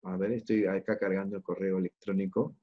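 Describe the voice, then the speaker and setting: A man's voice: low voice, level tone, fairly quick, dull audio. Man leading a live online training. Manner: walks through clicks aloud, checks in with attendees often. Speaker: teacher trainer.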